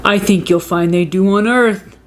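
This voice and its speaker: A woman voicing a calm, indulgent father going along with his son's game. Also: medium pitch, normal speed, a little hiss or hum, lightly acted. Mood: patient. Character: patient, playful dad.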